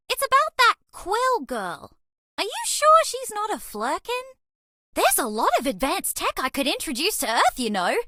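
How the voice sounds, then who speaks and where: Brie, high bright excitable alien girl. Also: no echo, clean studio sound, full character voice. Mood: curious, unsure. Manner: bubbly, playful, dramatic, swinging from exclaiming to coy. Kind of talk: animated game character voice lines.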